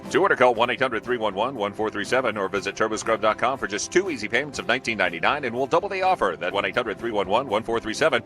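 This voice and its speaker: A man's voice: on the low side, expressive, racing, hardly any pauses, over music. A man reading a scripted infomercial ordering tag as the announcer.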